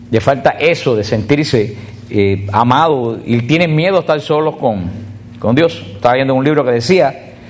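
A man preaching at a religious retreat, addressing the group directly, often repeating himself and slowing down on key words. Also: medium pitch, darkish tone. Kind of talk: sermon.

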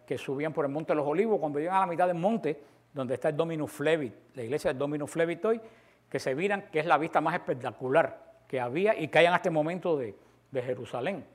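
A man's voice: a little high, fast talker. A man preaching a sermon, dramatically acting out the voices of the prophets and of God. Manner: dramatic, acts out quoted voices of God and the people.

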